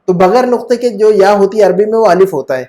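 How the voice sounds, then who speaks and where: Guy with a pretty high voice tutoring arabic grammar on a video call, patient, keeps asking if you got it. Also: mellow. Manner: patient, asks frequent check questions. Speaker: Arabic teacher. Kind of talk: online one-on-one grammar lesson.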